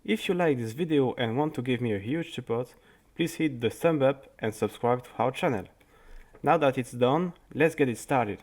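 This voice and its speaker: A man with a French accent talks through market charts in his second language. His pitch sits mid-range for a man, and he speaks carefully, stopping to restart words and phrases as he goes. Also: darkish tone, slight background noise. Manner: careful, halting speech with restarts. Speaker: crypto market analyst. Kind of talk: scripted market review over charts.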